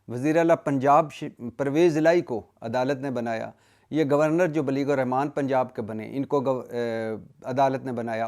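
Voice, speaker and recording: A man's voice: medium pitch, a little mellow. A man giving solo political analysis, indignant and emphatic, firing rhetorical questions and lists and often cutting off and correcting himself. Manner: frequent self-corrections and cut-off words. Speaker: political commentator.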